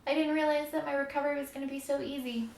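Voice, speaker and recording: A woman's voice: high voice, steady tone, racing, gravelly, darkish tone. A woman telling a personal story casually to the camera, candid and conversational, with emphasis on how uncomfortable things were. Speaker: vlogger telling a recovery story. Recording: echoey room with faint background noise.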